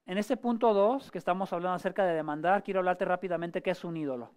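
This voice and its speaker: Conversational pastor preaching with questions. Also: male voice, sits high, fast talker, a little mellow. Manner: frequent hesitations and restarts. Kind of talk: sermon.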